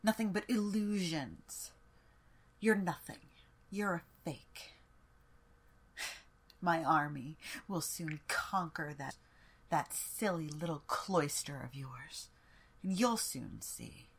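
A woman playing a husky, sneering warlord queen. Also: deep voice, expressive, exaggerated voice. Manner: sneering, mocking, slow and deliberate. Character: haughty cruel warlord queen, adult woman.

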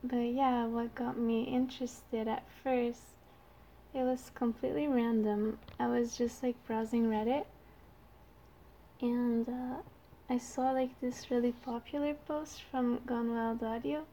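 A young woman with a youthful, lightly high voice and a Quebec French accent from her native French. She talks slowly in a casual, shy, hesitant way, as if chatting to her listeners. Some background noise sits behind her. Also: level tone, dark tone, highs cut off. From Canada. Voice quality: youthful-sounding voice. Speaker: amateur audio creator.

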